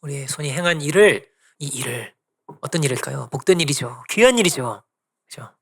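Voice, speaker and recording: A male pastor preaching a sermon, telling stories with lively asides to his congregation and closing in soft prayer. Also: medium pitch, a little fast, husky. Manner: animated storytelling with asides to the congregation.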